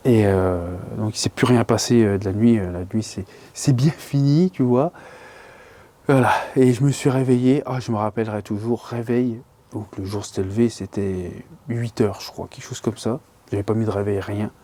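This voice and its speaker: A man's voice: fairly low pitch, moderate pace, mellow. A man casually telling a scary fishing-trip anecdote, rambling and colloquial with lots of fillers, sometimes dropping to a whisper. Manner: drops to whispers at tense moments. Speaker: angler telling a story.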